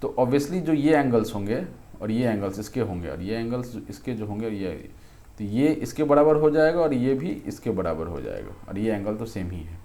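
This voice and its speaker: This physics teacher has a fairly low, mellow voice that swings widely in pitch at a moderate pace. Working at the board, he chats through the lesson, thinking aloud, asking frequent check-in questions and restarting to fix his own mistakes.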